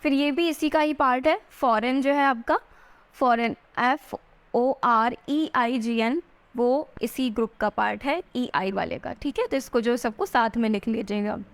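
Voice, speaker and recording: A woman teaching an exam-prep spelling lesson, spelling words out slowly letter by letter and checking in often with "theek hai". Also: a little high.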